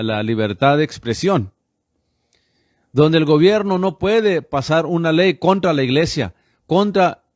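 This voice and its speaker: This American man in his fifties has a slightly high voice, captured cleanly in a studio without any echo. He works as a radio pastor, preaching fervently and addressing his audience as brothers again and again.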